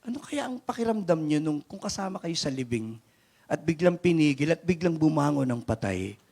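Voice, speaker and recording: A Filipino man, a pastor, preaching a lively sermon that mixes Tagalog and English, reading scripture and questioning his congregation. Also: fairly high pitch, brisk, creaky. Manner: animated, questions the congregation and urges clapping. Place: church worship service.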